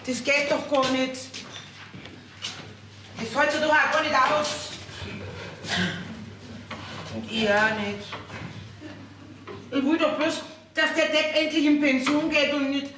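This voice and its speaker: An actress with a Bavarian accent playing a jealous, jeering middle-aged village wife in a folk theater play. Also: female voice, sits high, fairly even intonation, takes it slowly, pauses often. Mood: spiteful. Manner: spiteful and jeering. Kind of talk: folk theater stage acting. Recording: roomy stage sound from far off with hall noise.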